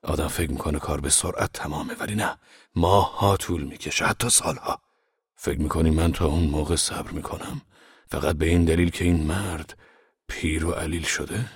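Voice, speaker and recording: A man doing a gruff stubborn old grump. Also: rumbling low, steady tone, no echo, studio quality, full character voice. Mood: defiant grumbling. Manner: blunt, irritable, dismissive.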